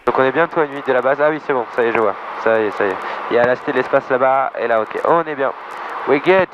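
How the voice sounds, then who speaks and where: Male pilot talking over loud cockpit noise. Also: mid-range voice, rapid-fire, highs cut off. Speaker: pilot narrating his flight. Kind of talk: casual cockpit commentary and radio calls. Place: small aircraft cockpit in flight.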